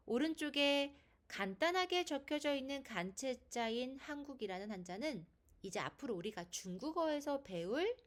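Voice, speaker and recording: A woman with a fairly high voice whose pitch rises and falls a lot teaches a pronunciation lesson. She explains step by step in a patient, clear way, often turning to the viewer with questions. She sometimes stretches out long held vowels to demonstrate. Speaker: Chinese language teacher.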